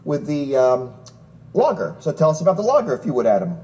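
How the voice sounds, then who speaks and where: A man's voice: mid-range voice, huge pitch swings, a little fast, dark tone, highs cut off. A man hosting a TV tasting show, easygoing and jokey as he leads the chat. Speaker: TV show host. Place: TV studio.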